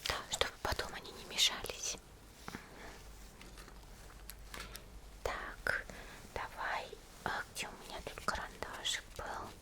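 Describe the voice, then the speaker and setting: Woman as Frankie, whispering friendly monster girl. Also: lightly acted. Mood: caring, reassuring. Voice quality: breathy whisper. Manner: gentle, unhurried, attentive murmuring to the listener. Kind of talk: whispered ASMR roleplay.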